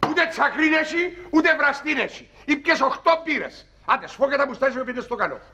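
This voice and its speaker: A man's voice: very high-pitched, lively intonation, bright, forceful tone, full character voice. An actor playing a hot-tempered, stubborn middle-aged father with a Cypriot accent. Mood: blustering. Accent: Cypriot Greek. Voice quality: gravelly, blustering. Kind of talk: sitcom acting. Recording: dull lo-fi TV sound.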